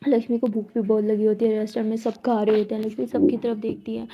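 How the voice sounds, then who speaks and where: A woman storyteller narrating a story in a soft, conversational way. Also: on the high side, level tone, fast talker, breathy edge, highs cut off.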